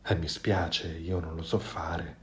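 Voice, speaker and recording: A man voicing a sly, impatient male fox with a low, scheming, exasperated manner in a storybook reading. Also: takes it slowly. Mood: sheepish.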